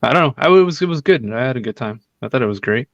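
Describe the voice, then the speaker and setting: Podcast co-host, man, smooth clear voice, dry close mic, relaxed and chuckling. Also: mid-range voice, rapid-fire, dry recording, lo-fi sound. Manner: relaxed, chuckling, easygoing asides. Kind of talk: casual chat.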